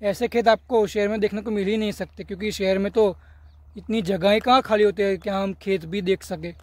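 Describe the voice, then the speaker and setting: A man's voice: sits high, fairly even intonation, fairly quick, darkish tone, dry recording. Chatty young man vlogging outdoors. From Gujarat, India. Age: young adult. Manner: chatty, repeatedly pointing things out to viewers. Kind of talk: casual vlog to camera. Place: village lanes and fields outdoors. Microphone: camera held at arm's length.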